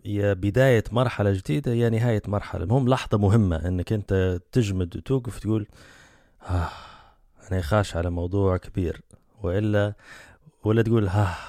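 A man's voice: lowish voice, fairly even intonation, brisk, a little mellow, no room sound, clean studio sound. A Libyan man hosting a podcast, eager and given to musing aloud about his thoughts. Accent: Libyan Arabic. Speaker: podcast host. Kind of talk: casual podcast conversation.

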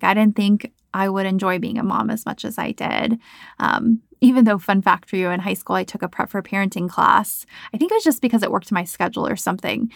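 A woman's voice: medium pitch, gravelly, no echo, studio quality. A woman in her thirties hosting a podcast as a coach, talking casually and encouragingly with lots of "like" and "you know.". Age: 30s. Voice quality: chatty, frequent "like" and "you know".

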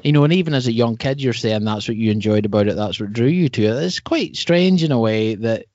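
A man's voice: mid-range voice, lively intonation, a little fast, a little mellow, dry recording, muffled recording. A man hosting a podcast, chatting in an informal, chummy way as he introduces and questions his guest. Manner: informal, chummy, uses slangy address. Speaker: podcast host. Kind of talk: casual chat, interviewing.

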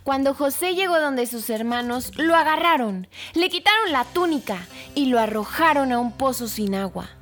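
A woman hosts a weekly children's story program and narrates with lively, emphatic expression. Her voice is high and bright. Light music plays under her narration. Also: normal speed, few pauses. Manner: animated, expressive, emphatic repetition.

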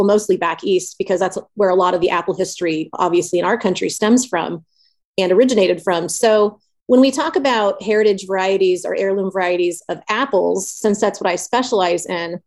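A woman's voice: mid-range voice, a little mellow. A woman guest in a podcast interview, explaining conversationally in a folksy way with frequent asides. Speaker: podcast guest, orchard teacher.

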